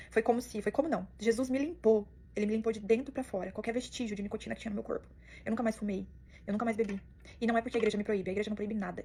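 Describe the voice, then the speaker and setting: A woman's voice: medium pitch, a little mellow, a little hiss or hum. A young woman telling her personal faith testimony in an earnest, emotional way. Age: young adult. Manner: emotional, earnest, fast-flowing storytelling. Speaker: testimony speaker.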